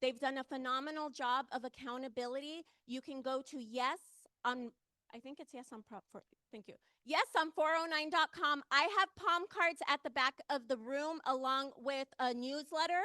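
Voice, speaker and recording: Female campaigner, high forceful voice, urgent and direct public appeal. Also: moderate pace, no room sound, clean studio sound. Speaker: ballot measure campaigner. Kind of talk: short public advocacy speech.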